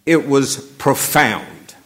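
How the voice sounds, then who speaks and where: Southern man preaching a reflective eulogy. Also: mid-range voice. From Atlanta, US South. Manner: reflective, measured, with gentle humor. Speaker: pastor. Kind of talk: funeral sermon. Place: church sanctuary.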